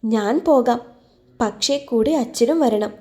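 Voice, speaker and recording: A woman voicing a patient young heroine in an audio love story, speaking in a gentle, comforting way. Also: fairly high pitch, slow pace.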